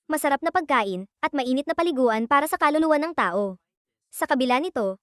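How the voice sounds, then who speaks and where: A woman narrating an anime recap in a steady, scripted storytelling read. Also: sits high, no room sound, clean studio sound.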